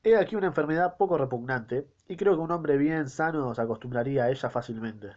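Argentine man reading as a smooth-talking quack doctor, lecherous and flowery, mid-pitched, dull lo-fi sound. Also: quick pace, close to an everyday voice. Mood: pompous. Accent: Argentine Spanish. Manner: flowery, flattering courtly speech. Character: scheming lecherous fake doctor, adult man.

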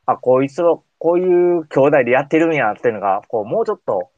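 A man's voice: medium pitch, animated, fast, darkish tone, no room sound, dull audio. A man with a Kansai accent hosting a radio show in casual, colloquial chat. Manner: informal, colloquial.

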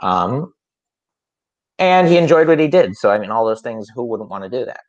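In a lo-fi recording, a music teacher with a mid-range, slightly nasal voice chats casually on a podcast at a moderate pace with big pitch swings. He rambles hesitantly, with plenty of fillers and restarts.

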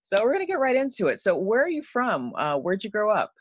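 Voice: mid-range voice, wildly swooping pitch, a little fast, no room sound, studio quality. A podcast host giving an upbeat, chatty intro and interviewing a guest.

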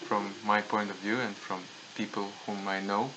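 A man's voice: on the low side, level tone, moderate pace, bright, forceful tone, rough recording. A young man with a Latvian accent speaks as a guest in a casual podcast discussion. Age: young adult. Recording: clear background noise, room ambience.

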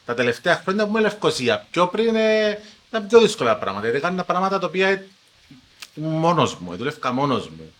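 Bright, animated Paphos-accented man. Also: fairly high pitch. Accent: Paphos Cypriot Greek. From Paphos, Cyprus. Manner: animated, emphatic storytelling. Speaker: TV journalist guest. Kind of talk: casual podcast interview.

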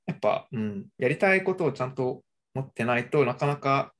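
Relaxed young adult chatting casually. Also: medium pitch, a little fast. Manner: relaxed, hesitant, many fillers and restarts. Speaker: conversation partner. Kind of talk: casual chat.

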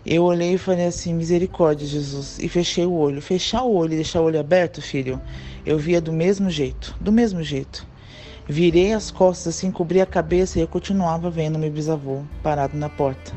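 Woman telling a story, mellow voice. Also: low-pitched, fairly quick, soft background music. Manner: animated, acts out quoted dialogue. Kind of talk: casual personal storytelling.

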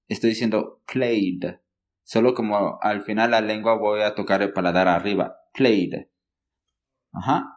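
A man teaching a language lesson, explaining patiently, checking in with listeners often and saying example words slowly for them to copy. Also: on the low side. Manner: models words slowly for learners. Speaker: English teacher.

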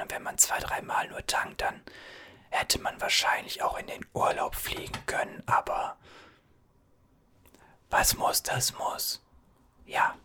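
A man whispering as a chatty, soothing gas station cashier in an ASMR roleplay, reassuring and rambling. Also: bright, forceful tone.

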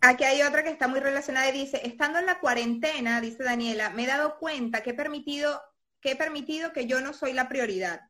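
A high, bright-sounding woman hosts a live stream. She chats casually and reads out the viewers' comments and questions for her guest. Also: quick pace.

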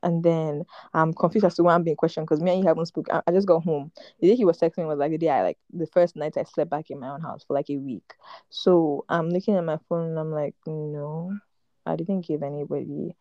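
A woman's voice: low-pitched, steady tone, fast talker, mellow, dry recording, lo-fi sound. A young woman hosting a podcast, telling a long story in casual chat, rambling, laughing, with lots of fillers and restarts. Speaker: podcast host.

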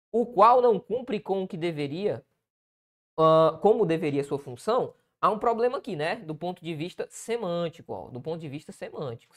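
A high-pitched man with a Brazilian Portuguese accent reads through a student's essay aloud, correcting it as a writing teacher. He keeps checking in with the listener and points out things on the page.

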